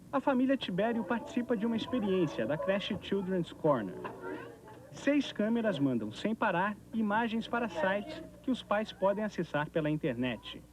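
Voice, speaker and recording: Brazilian TV reporter, high animated voice, VHS. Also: male voice. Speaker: TV news reporter. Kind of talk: scripted TV news report narration. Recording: noisy 1990s VHS tape of TV broadcast.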